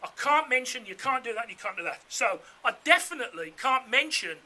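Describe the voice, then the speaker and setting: A man's voice: very high voice, sing-song, fairly quick, sharp tone. A middle-aged man giving an informal, jokey father of the bride speech full of anecdotes. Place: room full of wedding guests.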